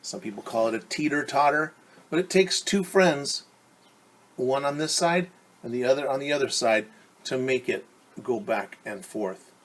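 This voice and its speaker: At normal speed and medium pitch, a man who teaches preschool reads from a picture book. He talks small children through it using plain, instructive phrasing.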